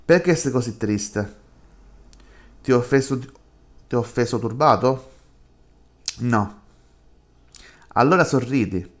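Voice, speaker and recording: A possessive, unseen presence in a chat horror game that coaxes and commands, as a man reads it slowly and unhurriedly. The voice stays level and close to ordinary talk. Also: medium pitch, animated. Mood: coaxing, commanding.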